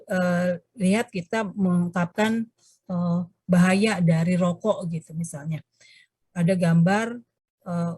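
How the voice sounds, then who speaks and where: A woman lecturer teaching an online class over a video call. She explains at length with many hesitations and self-corrections, and changes her pitch to act out examples. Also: dry recording. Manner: animated, shifts pitch to demonstrate examples. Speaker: university lecturer.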